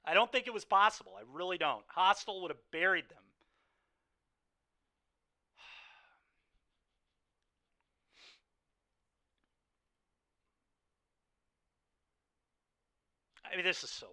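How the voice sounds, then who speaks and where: A man's voice: high-pitched, lively intonation, extremely slow, pauses often, pushed and bright. A young man streaming a card game, venting his frustration and sighing between remarks to chat.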